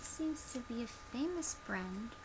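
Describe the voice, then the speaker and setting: This soft-spoken ASMR product demo comes from a woman in her twenties posing as a customer service presenter, speaking quietly and gently as she instructs. Her voice is a little high and animated, and she takes it slowly. She records on a home webcam in a small bedroom, and the amateur audio is noisy with clear background noise.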